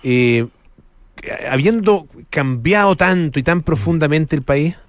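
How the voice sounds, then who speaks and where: A man hosting an interview and asking brisk questions. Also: a little high, dry recording. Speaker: host. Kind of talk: interview host.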